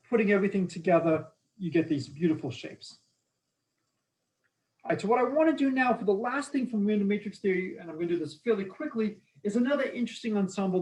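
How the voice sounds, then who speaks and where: A mathematics lecturer with a Boston accent gives an academic lecture, walking through slides in an informal, enthusiastic way with casual asides. His voice is high-pitched and a little mellow, and the recording quality is low.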